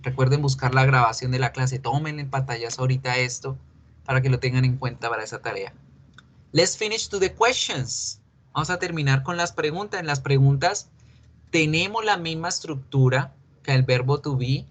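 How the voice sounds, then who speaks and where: In a recorded online class, a man with a medium-pitched voice patiently explains English grammar at a moderate pace. He mixes English examples into his talk and asks questions aloud as a student would, then answers them himself.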